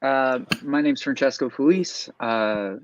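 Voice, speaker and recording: A film director from Toronto, introducing himself hesitantly. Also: male voice, mid-range voice, a little slow, dry recording. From Toronto, Canada. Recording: dry, dull lo-fi sound.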